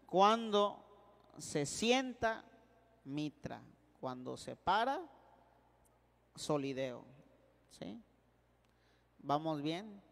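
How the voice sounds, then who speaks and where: A man's voice: fairly high pitch, big pitch swings, very slow, gravelly, long pauses, fairly bright tone. A priest teaching a class in a playful manner, checking again and again that his students follow him. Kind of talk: classroom lecture. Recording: echoey hall.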